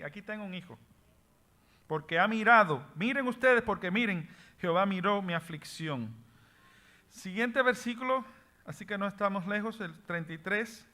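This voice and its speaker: A man leading a Bible study class in a high voice. He reads passages aloud, stops to explain word meanings, and checks in with his listeners. His tone is bright and forceful, and he sometimes drops English words into his explanations. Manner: switches between Spanish and English words.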